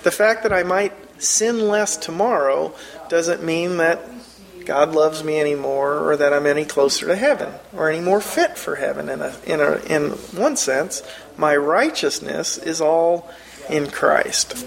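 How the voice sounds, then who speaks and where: A man's voice: on the high side, a little slow, gravelly, low-quality recording. A man teaching a Bible study lesson. He explains things step by step, often restarts mid-phrase, and puts questions directly to the class.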